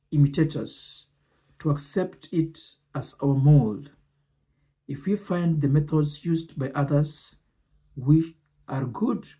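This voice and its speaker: The same kind of presenter, a man with a somewhat high pitch and a dark tone, walks through speech excerpts with commentary. He stays measured and deliberate, pausing often between phrases.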